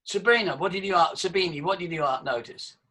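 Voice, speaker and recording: A voice coach leads a live workshop, demonstrating breathing and vocal sounds for his students. His high-pitched voice is quick, pushed and bright.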